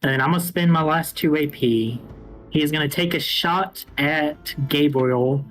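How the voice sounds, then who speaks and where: A man narrating a tabletop role-playing game as game master, in a casual, halting way. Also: fairly high pitch. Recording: faint music behind the voice. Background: music.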